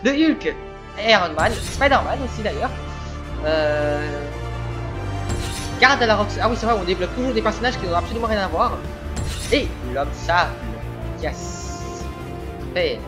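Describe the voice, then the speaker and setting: A man chats through his gameplay with jokey asides. His pitch moves up and down a lot. Game music and sound effects play behind his voice. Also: animated, a little slow, pauses often. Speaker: let's play gamer. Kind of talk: casual gameplay commentary.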